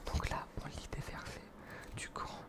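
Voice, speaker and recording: A young man whispering in a hushed, breathy library whisper as he presents books in an informal, earnest, hesitant ASMR style. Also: moderate pace.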